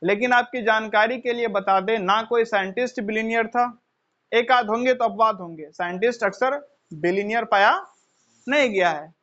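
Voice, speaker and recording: High-voiced man lecturing with rhetorical questions. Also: normal speed, bright, forceful tone. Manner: asks rhetorical questions and answers them himself; addresses listeners as children. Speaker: teacher. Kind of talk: motivational classroom lecture. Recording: dull lo-fi recording.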